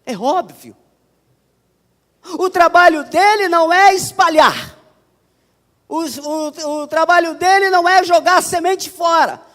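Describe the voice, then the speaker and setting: A man's voice: very high voice, slow, long pauses, a bit bright. A man preaching a sermon as a pastor, with a Paulista accent and an emphatic style that repeats phrases. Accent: Paulista Portuguese. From São Paulo, Brazil. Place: church. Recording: church hall reverb.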